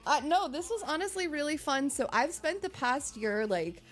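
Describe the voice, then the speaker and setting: A woman's voice: high voice, sing-song, normal speed. A young woman hosting a live stream, chatting casually and swearing now and then. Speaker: streamer host.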